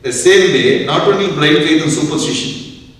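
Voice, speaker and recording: A man's voice: a little high, moderate pace, a bit bright. A man, a swami, giving a scripture lecture and often checking that the listeners follow along. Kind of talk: religious discourse lecture. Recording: echoey hall, far from mic.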